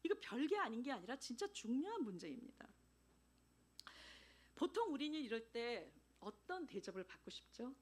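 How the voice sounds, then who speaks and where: A woman missionary preaching a sermon in a church, animated and acting out everyday dialogues. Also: fairly high pitch, normal speed, husky. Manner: animated, acts out dialogues, laughs often.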